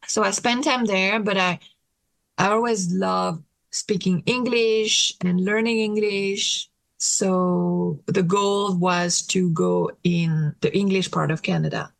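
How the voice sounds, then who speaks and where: A French woman in her late 30s, with a French accent and a gravelly, fairly low voice, speaks as a guest in a casual interview conversation. She sounds hesitant and thoughtful, pausing often and restarting, and there's no room sound in the recording.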